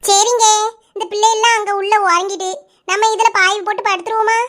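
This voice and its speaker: A woman's voice: extremely high pitch, flat delivery, brisk, a bit bright. A woman voicing a kindly, bossy middle-aged village woman in a cartoon, fussing affectionately, with a Kanyakumari Tamil accent. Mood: homely. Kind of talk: cartoon voice acting.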